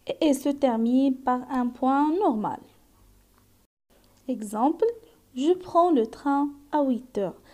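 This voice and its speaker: A woman's voice: sits high, dark tone. A woman teacher giving a grammar lesson, explaining carefully and reading out example sentences.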